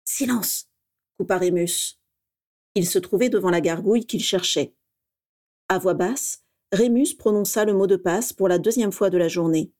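A woman reads a story aloud, narrating steadily and with expression. Her voice sits at an ordinary middle pitch. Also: normal speed, mellow. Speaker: reader.

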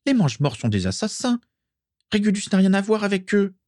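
A man voicing a whiny, easily offended ghost schoolgirl with a squeaky, sing-song voice. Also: very animated, a little fast, a little mellow, no room sound, clean studio sound. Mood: shocked.

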